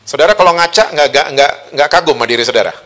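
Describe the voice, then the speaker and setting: Bright, high-voiced joking preacher man. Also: expressive, rapid-fire. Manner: humorous, conversational, teasing the congregation. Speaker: pastor. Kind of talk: sermon.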